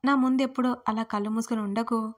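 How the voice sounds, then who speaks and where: A woman's voice: a little high, fairly even intonation, fast talker, natural voice. A woman voicing a cocky young male college student who teases in a smug, sometimes whispered way. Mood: teasing.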